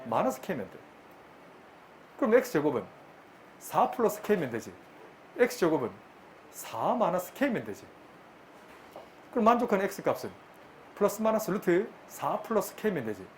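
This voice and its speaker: A middle-aged male math teacher lectures his classroom with a slightly raised pitch and a very animated manner. He speaks briskly, teases his students, and repeats his questions to them, with faint room noise in the background.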